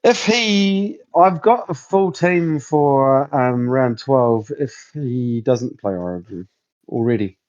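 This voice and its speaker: A man's voice: medium pitch, slow pace, darkish tone, dull audio. A man chatting casually about sport as a podcast co-host, blunt and sweary with plenty of slang.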